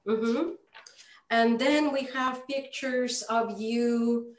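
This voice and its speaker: A woman's voice: on the high side, steady tone, extremely slow. A woman hosting an interview over a video call from home, introducing her guest in a chatty way. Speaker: host. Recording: roomy video call audio.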